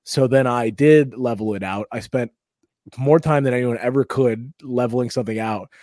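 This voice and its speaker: A man on a podcast, chatting casually and telling rambling, animated stories. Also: medium pitch, moderate pace, no echo, clean studio sound. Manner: rambling, animated storytelling with put-on voices. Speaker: podcast host. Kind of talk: casual chat.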